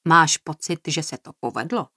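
A woman's voice: low-pitched, bright, forceful tone, dry recording, studio quality. A woman voicing a tired, reproachful family man who insists on his point, in an audiobook reading.

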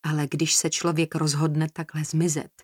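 A stubborn young woman on the defensive, short and quietly defiant, as a female narrator reads her. Her voice sits low and sounds dry and close. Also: little pitch movement, husky, dry recording. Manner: terse, subdued, defiant.

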